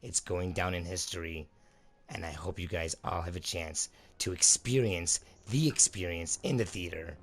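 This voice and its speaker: A man's voice: low-pitched, moderate pace. A man hosting his own channel, chatting casually and enthusiastically to viewers, often calling them "guys" and "dude". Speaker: channel host. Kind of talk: casual review chat.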